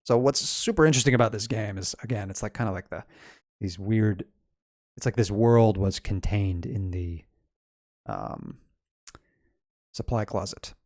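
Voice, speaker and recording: A man's voice: lowish voice, lively intonation, normal speed, long pauses, darkish tone, no room sound, clean studio sound. A man giving casual game commentary, musing aloud and explaining as he plays. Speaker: game streamer explaining game music. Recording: music playing behind the voice. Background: video game music.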